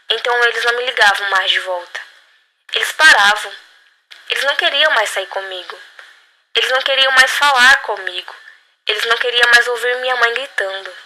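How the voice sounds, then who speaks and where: Uma mulher dando seu testemunho pessoal numa entrevista, contando com seriedade as dificuldades que viveu. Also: female voice, a little high, fairly quick, pushed and bright, rough recording. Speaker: guest. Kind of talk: personal testimony in interview.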